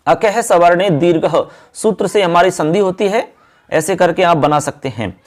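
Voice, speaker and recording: A male teacher giving an exam-focused lesson, calling his viewers friends and children and chanting verses slowly. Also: high-pitched.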